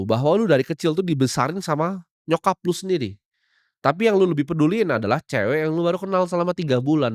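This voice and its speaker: Young guy w going off on a blunt motivational rant, kinda high voice that jumps all over, dry close sound. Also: no room sound. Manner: brash, lecturing, mixes in English phrases. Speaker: motivational speaker.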